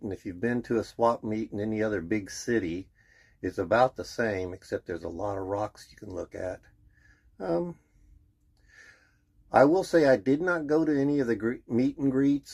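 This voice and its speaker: A man giving a casual first-person vlog update in a plainspoken, halting way. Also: lowish voice, vocal fry, a little mellow. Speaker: RV lifestyle vlogger.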